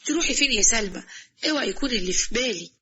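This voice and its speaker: A woman's voice: fairly high pitch, animated, rapid-fire, sharp tone, breathy edge, highs cut off, heavily acted. A woman voicing a fearful, pious middle-aged father with an Egyptian accent. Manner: exclaiming, pious, resigned.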